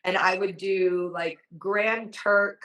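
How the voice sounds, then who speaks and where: A woman's voice: mid-range voice, fairly even intonation, slow, a bit bright. An upbeat, enthusiastic woman chatting casually as a cruise director being interviewed. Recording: echoey room, distant from the mic.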